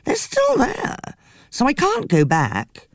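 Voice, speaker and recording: A woman's voice: high-pitched, wildly swooping pitch, slow, gravelly, dry recording, clean studio sound, pitched above the performer's own voice, heavily acted. A woman reading an audiobook, voicing a flamboyant, self-pitying woman who gossips theatrically. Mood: rueful gossip. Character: flamboyant, rueful woman fleeing her own house. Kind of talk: audiobook character voice.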